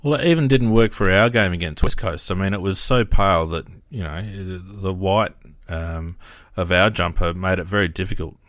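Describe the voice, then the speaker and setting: A man hosting a podcast, blunt and exasperated, with plenty of fillers. His voice is very deep. The sound is dry. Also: moderate pace, fairly bright tone, no echo. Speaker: podcast host. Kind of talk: casual chat.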